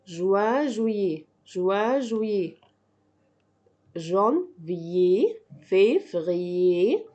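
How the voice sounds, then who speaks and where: A woman teacher with an Egyptian Arabic accent, giving a language lesson and repeating each word slowly and clearly. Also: mid-range voice, dark tone, lo-fi sound. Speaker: French teacher. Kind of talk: slow drilling language lesson.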